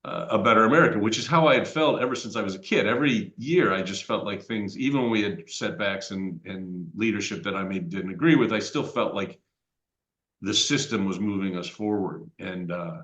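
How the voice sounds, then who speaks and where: Co-host, man in his fifties, lowish voice, musing and rambling, roomy dull recording. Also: brisk, a bit bright. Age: 50s. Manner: reflective, rambling with fillers. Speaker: podcast co-host. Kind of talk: casual chat. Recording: echoey room, dull lo-fi sound.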